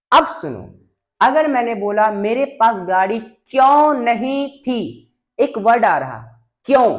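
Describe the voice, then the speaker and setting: A woman teacher explains English grammar at an unhurried, deliberate pace. Her voice sits a little high, and she patiently repeats each sentence pattern for her students. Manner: patient, addresses students as "babu". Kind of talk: classroom grammar lesson.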